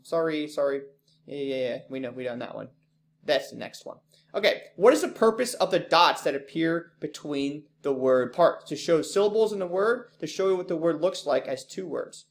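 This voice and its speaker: Casual man teaching an online class. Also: a little high. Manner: casual, many ums, apologetic slips.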